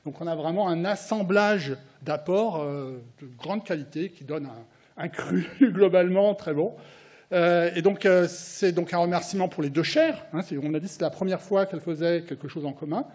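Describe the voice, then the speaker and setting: A man, a research unit director, giving conference closing remarks in a halting way, with many fillers and restarts and some light joking asides. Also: sits high, darkish tone.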